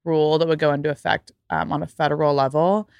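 A woman's voice: sits low, fairly even intonation, quick pace, gravelly, darkish tone, dry recording, studio quality. A young woman hosting a podcast, talking casually and emphatically with lots of "like". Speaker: podcast host. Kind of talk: casual podcast chat and read ad.

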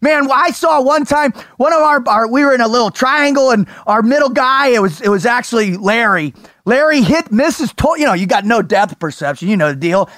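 American guy host, high pitched, slangy and animated, chatting and telling stories, dry audio. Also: brisk, dry recording. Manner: animated, slangy, bro-ish talk. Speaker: host of an interview show. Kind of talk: casual chat and storytelling.

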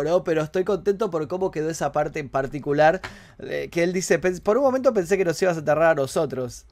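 A young man with an Argentine Spanish accent, commenting casually and excitedly on his own video, swearing freely and laughing at himself. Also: on the high side.

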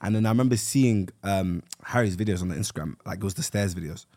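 Quick, lower-pitched young man. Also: darkish tone. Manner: informal, checks for agreement. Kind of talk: casual chat, storytelling.

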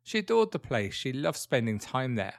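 A man's voice: mid-range voice, sing-song, moderate pace, vocal fry, no echo, studio quality. A British man hosting a true crime podcast, narrating from a script in a conversational way with dryly wry asides. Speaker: podcast host.

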